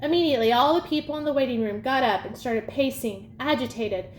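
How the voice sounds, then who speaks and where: Woman reading a kids novel aloud, high voice, roomy echo. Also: brisk, slight background noise. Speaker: audiobook reader. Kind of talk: storybook narration. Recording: echoey room, faint ambience.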